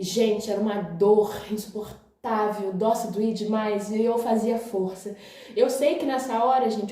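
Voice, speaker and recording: A woman's voice: a little high, dark tone. A young woman with a Brazilian accent, telling her own story to viewers in a chatty, casual way. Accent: Brazilian Portuguese. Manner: chatty, often says "gente" and "né", laughs along. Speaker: vlogger. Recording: very echoey room.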